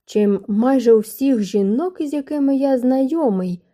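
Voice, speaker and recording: A woman reading an intense young gentleman. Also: fairly high pitch, expressive, normal speed. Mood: insistent.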